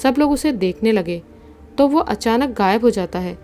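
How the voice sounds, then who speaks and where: A woman narrating a horror story in a steady, suspenseful storytelling manner. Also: on the high side, moderate pace.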